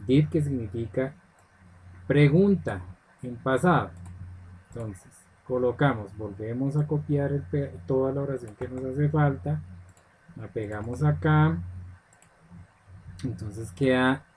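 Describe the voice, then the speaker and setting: Patient male English teacher, mellow. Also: mid-range voice, takes it slowly, long pauses, a little hiss or hum, poor audio. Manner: patient step-by-step explaining, checks in with "ok?". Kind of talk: screen-recorded lesson walkthrough.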